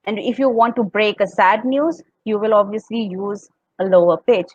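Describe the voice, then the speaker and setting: A woman's voice: mid-range voice, steady tone, moderate pace, dry recording, dull audio. Indian woman coaching public speaking. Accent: Indian English. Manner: explains step by step, demonstrates tones and laughs often. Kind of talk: teaching talk on public speaking.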